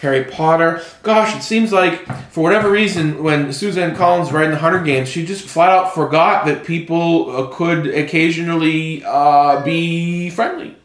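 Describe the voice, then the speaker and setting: A man's voice: fairly high pitch, normal speed, few pauses. A man co-hosting a casual podcast chat, rambling and restarting his sentences. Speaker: podcast co-host. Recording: roomy echo.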